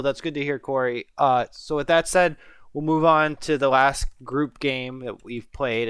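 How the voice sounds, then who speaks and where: A man with a smooth, clear voice hosts a casual podcast in an upbeat way. The sound is dry and close, with no room around it, as he passes the floor to his co-hosts. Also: mid-range voice, a bit bright, no echo. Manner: upbeat, hands the turn to others. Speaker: podcast host. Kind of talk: casual chat.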